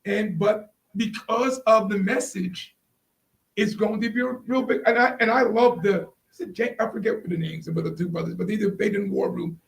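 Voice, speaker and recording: A podcast panel host speaks casually in a high-pitched voice with vocal fry at a normal speed, repeating phrases to stress his points. The recording sounds roomy, as if he's distant from the mic.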